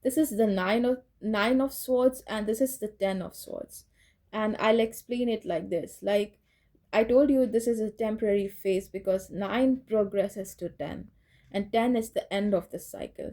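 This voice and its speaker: A woman's voice: medium pitch, a little slow, warm tone. A woman giving a casual tarot reading, rambling and correcting herself as she goes, and laughing at her own slips. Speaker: tarot reader.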